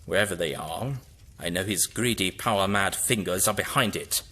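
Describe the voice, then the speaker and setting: An actor playing an eccentric, resolute time-travelling hero in an audio drama, theatrical and emphatic. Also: male voice, low-pitched, normal speed, pushed and bright. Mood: puzzled, determined.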